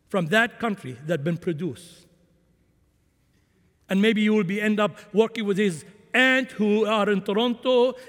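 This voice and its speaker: A man who grew up in Syria preaches a sermon with impassioned swings in volume, rising and falling. His voice is extremely high and a bit bright, and the recording carries a long hall reverb.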